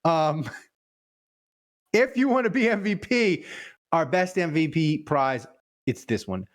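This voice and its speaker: A man's voice: on the high side, animated, slow pace. A man hosting a casual live-stream show, full of joking, self-mocking banter. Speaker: show host.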